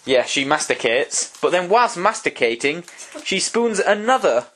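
A woman's voice: on the low side, sing-song, a little slow, a crowd in the background. A woman chatting playfully into a camera in a bedroom, narrating her friend like a nature documentary. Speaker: vlogger. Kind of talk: casual vlog chat.

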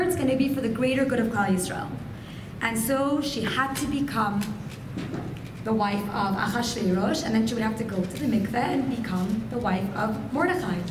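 A woman in her thirties, from a Persian family and a native Farsi speaker, gives an expressive keynote to women, gesturing as she speaks into a podium microphone on a stand. Her voice sits a little high. The inspirational talk was recorded indoors in an echoey hotel function room with background noise.

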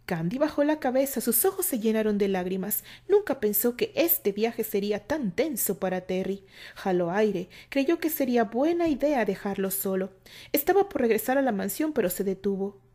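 A woman's voice: on the high side, animated, normal speed. A woman reading a romance fan fiction aloud as a storyteller. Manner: narrates steadily, then acts out the characters' shouting. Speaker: narrator.

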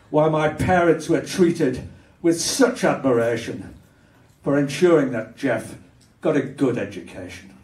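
An older man with a Hull accent delivers spoken word poetry at a slow, deliberate pace, wry and pointed with flashes of anger. He speaks into a stage mic, heard from across a small venue, and the room's echo rings around his voice. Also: mid-range voice, darkish tone, far from the mic. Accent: Hull, Yorkshire. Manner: measured, wry, with bursts of anger. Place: small dark performance venue. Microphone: stage mic on stand, filmed from far. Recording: roomy venue sound from afar.

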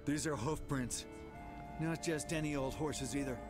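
Game casting: male actor doing a cocky talking mare, surfer-dude drawl, sarcastic and carefree, higher voice. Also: steady tone, unhurried, music in the background, close to an everyday voice. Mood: laid-back. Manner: breezy, teasing, sarcastic. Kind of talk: video game voice acting.

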